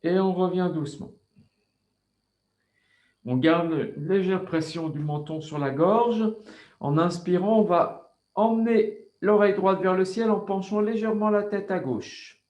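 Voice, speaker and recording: Calm, slow French yoga teacher. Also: male voice, sits high, dull audio. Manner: slow, calm breathing cues. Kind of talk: guided yoga class over video call. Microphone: video call.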